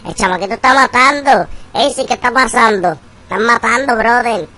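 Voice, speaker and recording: A woman's voice: on the high side, moderate pace, sharp tone. A woman hosting an interview, asking questions in a hyped, slang-heavy way. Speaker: interview host. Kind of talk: casual interview talk.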